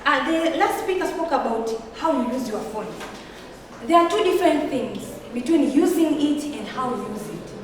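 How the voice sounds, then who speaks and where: In an echoey hall, a microphone far away picks up a teenage student debater from Tanzania, a Swahili speaker, along with a little hiss or hum. Her voice sits high as she gives an earnest, argumentative speech full of rhetorical questions.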